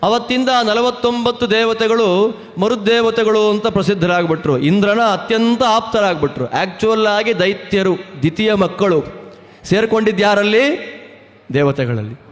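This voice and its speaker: A man's voice: sits high, moderate pace. A man from Karnataka giving a devotional discourse, telling scripture stories with rhetorical questions and chanted Sanskrit verses. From Karnataka, India. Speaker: religious discourse speaker. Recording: reverberant hall.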